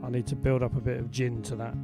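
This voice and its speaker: A man hosting a casual online music chat, talking softly and haltingly with many ums and restarts, over a home video call. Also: medium pitch, little pitch movement. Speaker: host and singer-songwriter. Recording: loud guitar music behind.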